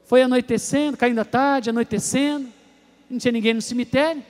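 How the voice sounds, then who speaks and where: A young man preaching a sermon from Brazil, telling stories and acting out voices, moving between soft and loud. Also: very high voice, steady tone, brisk.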